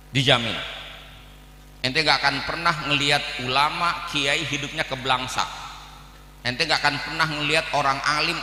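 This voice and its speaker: A man with a Jakarta Betawi accent delivering a humorous, blunt sermon, moving from calm teaching to loud outbursts. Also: medium pitch, echoey room, in a large hall. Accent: Jakarta Betawi Indonesian. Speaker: preacher. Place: large hall at a memorial gathering.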